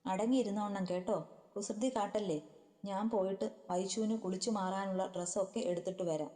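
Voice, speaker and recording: A woman's voice: medium pitch, fairly even intonation, fairly quick, mellow, big-room sound, lightly acted. A woman voicing a caring but firm older sister-in-law who coaxes and scolds, read as a story. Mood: coaxing. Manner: coaxing yet scolding.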